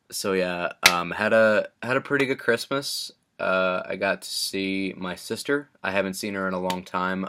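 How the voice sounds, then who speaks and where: A teenage man chatting in a casual vlog with a deep, low voice that stays fairly flat. His tone is bright and forceful. He rambles, stumbling through restarts and fillers. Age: teens. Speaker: vlogger and hip-hop artist.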